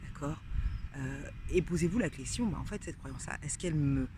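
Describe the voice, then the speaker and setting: A woman's voice: deep voice, normal speed, background noise. A woman coach talking casually to camera, addressing the viewer directly with many fillers and sometimes dropping to a whisper. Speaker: sex and couples coach. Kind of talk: casual advice vlog to camera.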